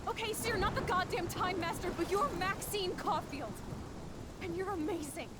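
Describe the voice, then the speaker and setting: A woman's voice: very high voice, moderate pace. An actress voicing a defiant, foul-mouthed punk teenage girl in video game dialogue. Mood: emotional pleading. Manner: blunt, swearing, emotional. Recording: loud background noise.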